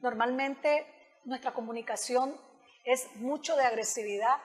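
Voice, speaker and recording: A woman with a high voice talks as a communication specialist in an interview. She explains in an animated way and speaks informally and directly to the host. A long reverb trails after her words. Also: measured pace, husky. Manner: animated, acts out example dialogues in other voices.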